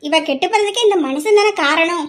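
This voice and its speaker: A woman voicing a sharp-tongued middle-aged mother who scolds and jabs sarcastically, in an audio drama. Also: extremely high pitch, brisk. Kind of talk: amateur audio drama acting.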